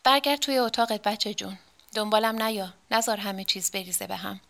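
A woman voicing a mysterious female spirit with a rough, husky, throaty voice, in a read-aloud story. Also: mid-range voice, fairly even intonation, a bit bright. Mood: warning.

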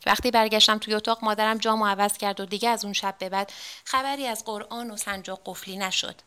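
A woman narrating a dark story in a measured, dramatic way. Her voice is bright and clear, with even delivery. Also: mid-range voice.

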